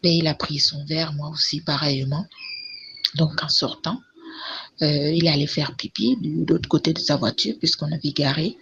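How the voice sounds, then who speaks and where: A woman's voice: low voice, steady tone, normal speed, gravelly, a bit bright. A woman chatting casually through a long personal story, full of fillers and repeated words. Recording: dull lo-fi recording with faint noise.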